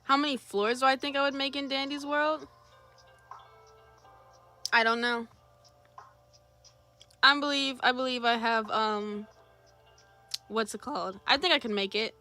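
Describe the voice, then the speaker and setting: A woman's voice: fairly high pitch, bright, forceful tone. A young woman chatting casually on a drawing livestream, reading chat aloud and greeting viewers. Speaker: streamer.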